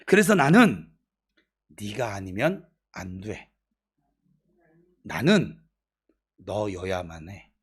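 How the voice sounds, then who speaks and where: A woman pastor voicing God, speaking slowly and earnestly in a hushed, lowered voice during a sermon. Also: sing-song, full character voice. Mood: tender. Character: God speaking tenderly to a beloved person.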